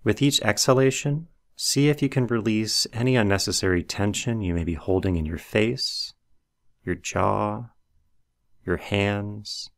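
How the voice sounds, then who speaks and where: Reading from a script as a meditation guide, a man with a low-pitched voice narrates a guided meditation, delivering his instructions in a measured way.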